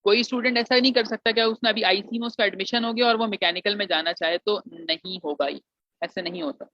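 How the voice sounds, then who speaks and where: A brisk, bright, forceful high voice belongs to a Pakistani engineering alumnus giving informal admission advice. Speaking Urdu laced with English phrases, he addresses students as "beta". The audio is dry, dull, and muffled lo-fi with no room sound.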